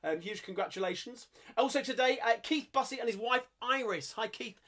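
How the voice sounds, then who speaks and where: High-voiced London man hosting a singalong. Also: fairly quick, pushed and bright. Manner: chatty and upbeat, breaks into music-hall singing. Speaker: singalong host and pianist. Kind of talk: casual live-stream chat with singing. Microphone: home streaming mic.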